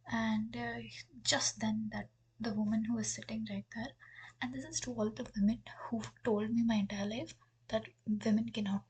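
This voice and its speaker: A woman's voice: fairly high pitch, a little mellow, breathy edge. A young woman tells a story in a candid, exasperated way and swears freely, her voice half-whispered. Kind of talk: storytime vlog.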